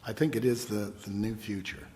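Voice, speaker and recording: Man on a committee, low voice, plainspoken and folksy, long reverb. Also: fairly even intonation, brisk, noisy background. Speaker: committee member. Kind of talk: committee hearing questioning. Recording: long reverb in a hearing room.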